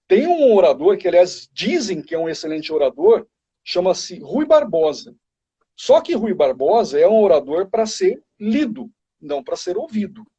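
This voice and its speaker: Um advogado brasileiro convidado numa live, explicando de forma enfática e didática. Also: male voice, high-pitched, big pitch swings, normal speed, dark tone, husky. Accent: Brazilian. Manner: emphatic, explanatory. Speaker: guest criminal lawyer. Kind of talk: live video chat. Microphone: video call. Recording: lo-fi livestream audio.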